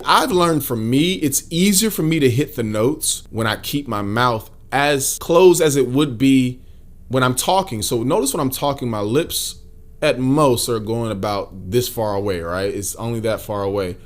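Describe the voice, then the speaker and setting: Relaxed man explaining singing tips. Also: mid-range voice, moderate pace. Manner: relaxed, explanatory, demonstrates as he talks. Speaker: singer giving vocal tips. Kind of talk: casual vocal lesson.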